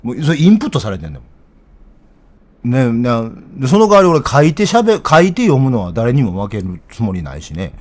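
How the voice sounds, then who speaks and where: A middle-aged man with a strong Kansai accent delivers political commentary. He talks bluntly and heatedly, with a very lively, swinging pitch. He sounds rough-spoken and unpolished, as if chatting with regular viewers. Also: normal speed.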